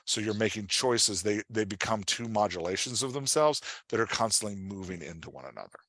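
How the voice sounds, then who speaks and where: This man is a writing coach fielding audience questions during a live online class; his tone is encouraging and conversational, with phrases repeated for emphasis. His lowish, fairly bright voice is expressive and a little fast. The recording has no echo.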